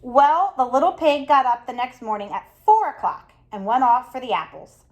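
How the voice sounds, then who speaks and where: A woman reading a children's picture book aloud, expressive and stopping to ask her listeners questions. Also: high-pitched, normal speed, muffled recording. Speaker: storyteller.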